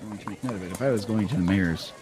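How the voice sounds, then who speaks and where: Low-voiced male player, casual, plotting moves, noisy amateur audio. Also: fast. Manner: thinking aloud, plotting moves. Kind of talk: casual tabletop game talk. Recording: noisy home podcast recording.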